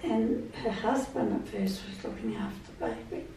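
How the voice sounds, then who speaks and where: An older woman chats casually as a patient in an indoor treatment room, her slightly high, mellow voice swooping wildly in pitch at normal speed. The recording is noisy and very echoey, with her far from the mic.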